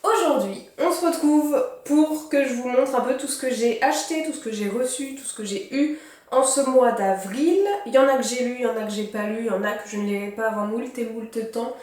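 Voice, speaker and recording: A chatty young woman in her twenties walks through her recent book purchases in a loose, rambling way, pausing often on fillers. Her voice sits slightly high. The room around her is very echoey. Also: a little mellow. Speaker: book vlogger. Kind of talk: casual book haul chat.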